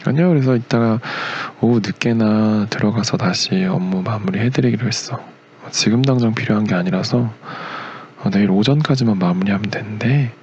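A young man acting as a gentle, doting boyfriend in a romantic ASMR role-play, a tender leading man with a soothing, murmured, partly whispered delivery. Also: on the low side, moderate pace, highs cut off, slight background noise, natural voice. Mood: tender, reassuring. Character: doting, gentle young boyfriend caring for his sick girlfriend.

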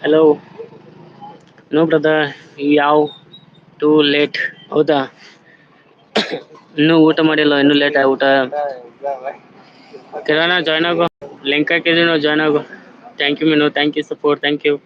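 Man hosting a casual live stream, monotone delivery, muffled audio with heavy traffic noise. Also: fairly high pitch, slow, long pauses. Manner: thanks viewers by name over and over, invites them to join.

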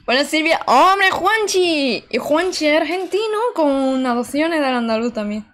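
Brief: young female streamer from Barcelona, chatty and exclamatory, slightly high voice, desk mic. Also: expressive, a little slow, fairly bright tone. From Barcelona, Spain. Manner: chatty, exclamatory, giggly, answering chat. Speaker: game streamer. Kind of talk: casual live-stream chat while gaming. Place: indoor room.

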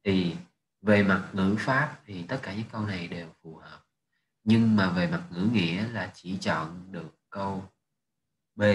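Low-voiced man walking through test answers. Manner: explains each answer methodically, mixing in English phrases. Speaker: English teacher. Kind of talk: exam answer walkthrough. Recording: echoey room with faint noise.

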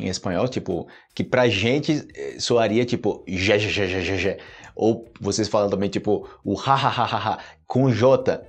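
A man's voice: medium pitch, darkish tone, slightly rough. A Brazilian man with a Brazilian Portuguese accent, teaching a casual video lesson and checking in often with the viewer. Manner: explains slowly with frequent "né?" and "ok?" check-ins. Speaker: language teacher.

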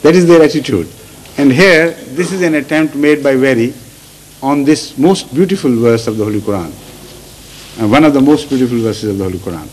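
Halting man giving a scripture lecture. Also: mid-range voice, a little mellow, slight background noise, rough recording. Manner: deliberate, with frequent restarts and repeated words. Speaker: religious teacher. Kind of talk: Quranic commentary lecture.

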